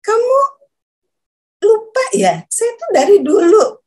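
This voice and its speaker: Tender heavenly voice, quoted by a woman, very high, soft and reassuring. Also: big pitch swings, slow pace, exaggerated voice.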